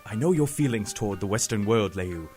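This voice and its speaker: A man playing a grave, persuasive professor in an audio drama, measured, formal and earnest. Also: fairly low pitch, lively intonation, darkish tone, soft background music, close to an everyday voice. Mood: firm, diplomatic. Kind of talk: scripted audio drama acting.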